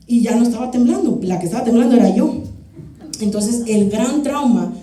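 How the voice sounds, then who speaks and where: A young woman, preaching a sermon in a lively, humorous, storytelling way in a church hall. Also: on the high side. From Guatemala. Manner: animated, humorous, acts out shouts. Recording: echoey church hall from far off.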